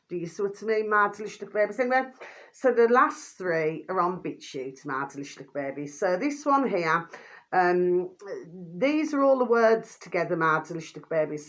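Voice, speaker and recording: British woman, 50s, lowish voice. Rambling, informal vlogger who keeps addressing listeners with pet names. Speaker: vlogger recommending videos. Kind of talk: casual rambling talk to viewers.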